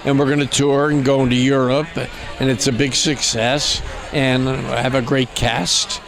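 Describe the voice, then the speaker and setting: A man's voice: mid-range voice, fairly even intonation, normal speed, crowd noise. Man in a casual outdoor interview. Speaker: theater director being interviewed. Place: outdoors at a gala event.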